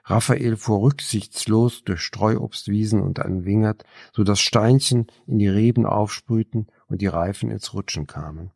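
Low gravelly male audiobook narrator. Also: moderate pace, hardly any pauses, darkish tone, no echo, clean studio sound. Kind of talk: scripted novel narration.

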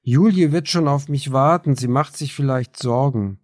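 A man's voice: mid-range voice, moderate pace, a little mellow, no echo, studio quality, pitched above the performer's own voice, natural voice. A man voicing a determined, cautious young woman in an audiobook. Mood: firm.

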